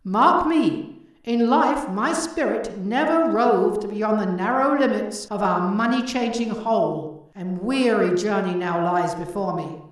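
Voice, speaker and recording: A woman's voice: mid-range voice, measured pace, natural voice. A woman voicing the ghost of a dead businessman, solemn and declaiming. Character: ghost of a dead old businessman, grave and mournful. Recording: heavy echo, distant from the mic.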